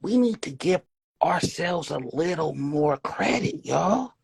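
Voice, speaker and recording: A man's voice: a little high, expressive, slow pace, creaky, breathy edge, dry recording, studio quality. A man giving a rambling, preachy casual monologue, now and then dropping to a whisper.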